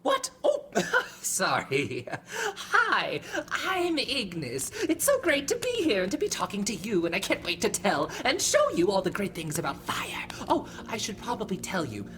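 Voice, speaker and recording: A woman playing an excitable, scatterbrained fire djinn in an audio drama, chatty and eager, rambling as she talks. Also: medium pitch, a little slow. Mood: bubbly, flustered. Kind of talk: audio drama character acting. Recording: music bed behind the voice.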